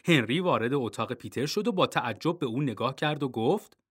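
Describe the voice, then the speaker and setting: A man reading a children's storybook aloud, expressive and dropping low for suspense. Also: breathy edge. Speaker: narrator.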